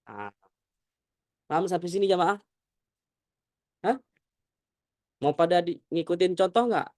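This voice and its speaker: A male ustadz teaching tajwid in a casual, relaxed tone. He slows down to show each Arabic sound clearly. He keeps checking whether his students follow. The recording is dry, with almost no room echo. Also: high voice. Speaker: Quran recitation teacher. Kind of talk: tajwid lesson to a congregation.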